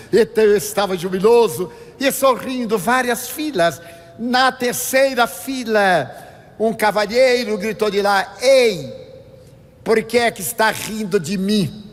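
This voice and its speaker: An older man from Brazil, giving a spiritist lecture as a lively storyteller who acts out the dialogue. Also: fairly high pitch. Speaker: spiritist speaker. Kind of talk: anecdotal lecture to an audience. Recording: long hall reverb.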